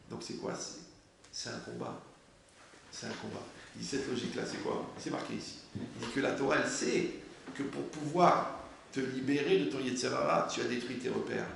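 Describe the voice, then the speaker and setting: A man giving a religious class, animated and humorous, asking his listeners rhetorical questions. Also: mid-range voice, gravelly. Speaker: Torah teacher. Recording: very echoey room, faint noise.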